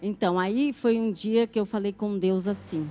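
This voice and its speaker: A woman's voice: medium pitch, fairly even intonation, normal speed. A middle-aged woman giving an earnest church testimony, acting out the voices in her story. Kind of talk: emotional testimony.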